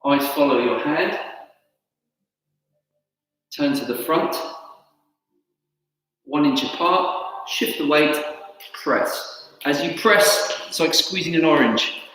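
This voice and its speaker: A man teaching tai chi, giving calm, unhurried step-by-step instructions in short phrases. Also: a little high. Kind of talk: instructional movement cues. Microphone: camera at a distance. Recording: very echoey hall, distant mic, faint music.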